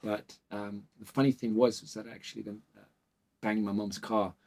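A man in his forties with a low voice, from South Africa and Portugal, speaking as an interview guest. He talks in a relaxed, rambling way, dotted with ums and restarts. He is recorded in a clinic office. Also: moderate pace, gravelly. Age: 40s. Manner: relaxed, rambling storytelling with many fillers. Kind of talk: casual interview talk.

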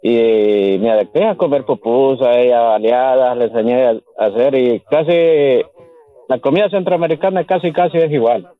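A man from Honduras calling in to a radio show, speaking slowly and hesitantly and repeating himself. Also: medium pitch. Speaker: caller. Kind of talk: casual phone call. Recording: tinny phone line.

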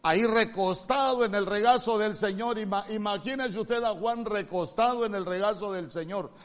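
A male pastor with a Honduran accent preaching a sermon, moving from loud emphatic calls to soft, hushed lines. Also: sits high, moderate pace. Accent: Honduran Spanish.

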